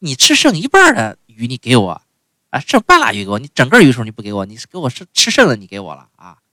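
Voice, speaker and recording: A man's voice: wildly swooping pitch, fast talker, pushed and bright, no room sound, full character voice. A spoiled, furious young princess, as a man puts her on. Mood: indignant. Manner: shrill indignant complaining.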